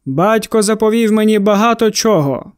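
A man voicing a weary, gloomy male doctor in an audiobook, speaking quietly and tersely. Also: sits high, animated, moderate pace, clean tone, dry recording, studio quality. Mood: grim. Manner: quiet, grim, clipped. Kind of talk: audiobook character voice.

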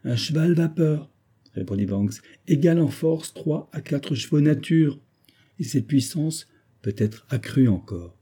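A man reading an audiobook, voicing a confident engineer who lays out his reasoning in measured, persuasive sentences. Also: mid-range voice, warm tone, slightly rough, lightly acted. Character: confident engineer, methodical, explaining, middle-aged man.

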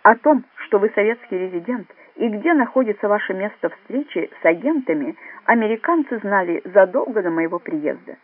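A man's voice: sits high, animated, moderate pace, few pauses. A man voicing a weary, cold professional agent who speaks with tired contempt in an audiobook. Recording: dry, phone-like narrow sound.

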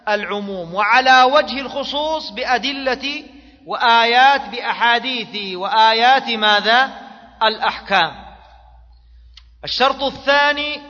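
A man's voice: extremely high pitch, pushed and bright. A man teaching a class as a religious scholar, posing fill-in questions to his students and repeating key words. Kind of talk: classroom lecture on jurisprudence. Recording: dull lo-fi recording in an echoey hall.

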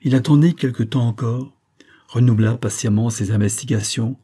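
Dark, husky male audiobook narrator. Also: mid-range voice, moderate pace. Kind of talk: scripted narration.

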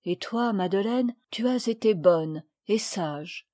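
A woman reading the part of a kind, composed noblewoman who speaks calmly and with gentle authority to children. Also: medium pitch, slow. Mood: gentle, authoritative.

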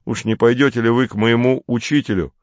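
A man's voice: mid-range voice, steady tone, a little fast, no room sound, highs cut off, natural voice. A man reading aloud, voicing a guilty fourteen-year-old boy who grumbles and defends himself. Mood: defensive, grumbling.

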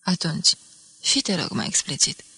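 A woman's voice: on the low side, very animated, pushed and bright, husky, no room sound, exaggerated voice. A woman reading a blunt young lieutenant. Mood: probing. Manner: blunt, questioning. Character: brisk young male army lieutenant, curious. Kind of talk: audiobook reading.

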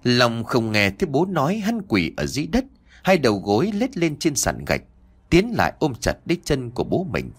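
A man narrating a dramatic story as an audiobook, in an expressive storytelling manner. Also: medium pitch, moderate pace, husky.

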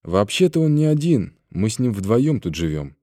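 A man voicing a lonely, quiet, reflective man in an audiobook. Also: lowish voice, very animated, normal speed, no echo, studio quality. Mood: plain.

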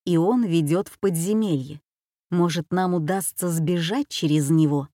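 A woman voicing a calm, sullen boy in glasses who speaks quietly. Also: lowish voice, normal speed, no room sound, clean studio sound, lightly acted. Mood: hushed. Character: calm bespectacled schoolboy, gloomy and level-headed. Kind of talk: audiobook character voice.

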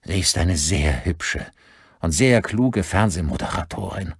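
A man voicing a cold, vengeful older man who speaks slowly and deliberately in an audiobook. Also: sits low, lively intonation, breathy edge, no echo, exaggerated voice. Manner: slow, deliberate, icy.

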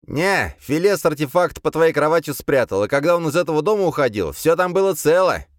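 Guy doing a cocky grumbly demon lord, pitched up high and loud, audiobook style. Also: very animated, a little fast, no room sound, studio quality. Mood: brash. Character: boastful, crude male demon lord living in a head.

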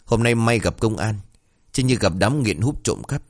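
A man's voice: mid-range voice, animated, moderate pace, close to an everyday voice. A man voicing a blunt, irritable rural policeman in a read-aloud story, speaking in a brusque, scolding way. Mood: softened.

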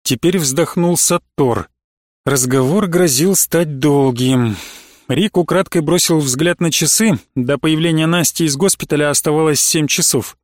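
A man's voice: on the high side, unhurried, no echo. Male audiobook narrator, dry close sound. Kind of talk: scripted narration.

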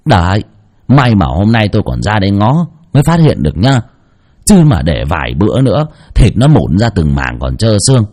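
A man putting on a grumpy old village landowner who protests his innocence with indignation. The voice sits low and grumbles, rising sharply when he gets heated. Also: wildly swooping pitch, normal speed, a little mellow. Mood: indignant.

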